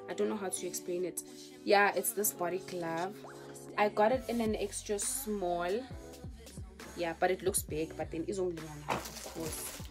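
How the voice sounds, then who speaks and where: Slow, chatty young South African woman. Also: fairly low pitch. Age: young adult. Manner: chatty, drawn-out reactions, mixes in Zulu. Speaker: vlogger. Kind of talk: casual haul vlog. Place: bedroom, indoors. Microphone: camera in front of her. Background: music.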